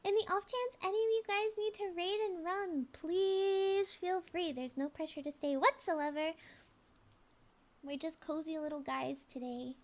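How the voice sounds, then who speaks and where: A woman's voice: sits high, moderate pace. A young woman chatting casually as a livestream host, in a cute, girlish, bubbly anime-streamer manner. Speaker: livestream host, VTuber artist.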